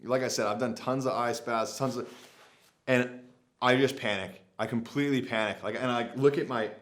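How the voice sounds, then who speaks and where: A man's voice: medium pitch, moderate pace. Young guy rambling thru a story to camera, lots of "like", acting out what he said back then. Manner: animated, many "like" fillers, acts out his own past lines. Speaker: adventure vlogger.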